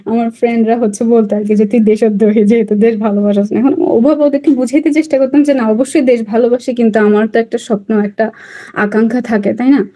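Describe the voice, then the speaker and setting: A young woman from Bangladesh, a student applicant, chatting excitedly on a video call and slipping English phrases into her talk. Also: fairly high pitch, fast talker. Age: young adult. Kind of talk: casual online interview.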